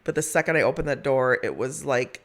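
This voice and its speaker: A woman telling a personal story in conversation as a hospice nurse, in a heartfelt, emphatic way with drawn-out words. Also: very deep voice. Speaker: hospice nurse, podcast guest.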